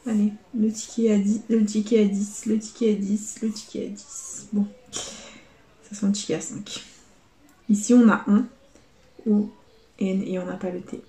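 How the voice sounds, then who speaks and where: A woman's voice: medium pitch, moderate pace. French woman scratching tickets in an echoey room. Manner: lively, swings between dread and excitement, spells out letters. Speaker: YouTuber scratching lottery tickets. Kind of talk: casual commentary to viewers.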